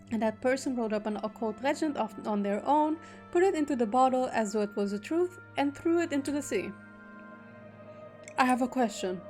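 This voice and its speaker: A woman streamer reading a visual novel aloud, breaking off now and then into joking casual asides. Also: a little high. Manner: reads narration steadily, breaks off into joking asides.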